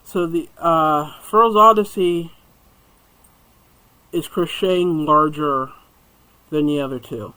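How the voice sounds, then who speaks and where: A chatty man talks through his crochet work in a bright, sharp voice pitched a touch high. He rambles casually and drops muttered asides to himself as he works, picked up by a camera mic set over his hands. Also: slow, long pauses, rough recording. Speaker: crochet YouTuber reviewing hooks.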